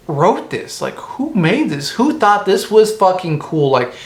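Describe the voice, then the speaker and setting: A man giving an angry, profane comedic movie review. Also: fairly high pitch. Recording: roomy echo.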